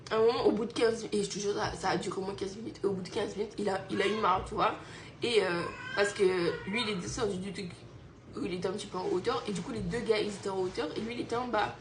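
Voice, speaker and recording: A woman's voice: medium pitch, steady tone, fast talker, noisy background. A young woman from Guadeloupe, a mother animatedly telling a friend a story over a phone video call, laughing often and checking "you see?". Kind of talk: casual storytelling chat. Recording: roomy echo in a home room.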